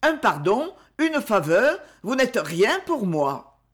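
A woman's voice: fairly high pitch, very animated, slow, full character voice. A woman reading an audiobook, voicing a proud young woman who answers with cold dignity. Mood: disdainful.

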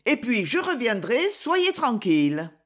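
Brief: woman reader voicing a timid young lady, soft and high. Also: sing-song, measured pace. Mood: soothing. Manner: soft and pleading. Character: gentle, frightened young noblewoman.

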